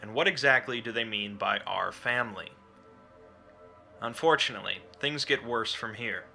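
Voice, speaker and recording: A man's voice: mid-range voice, moderate pace, gravelly, sharp tone. A man reading a scripted, dramatic explainer as a narrator. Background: background music.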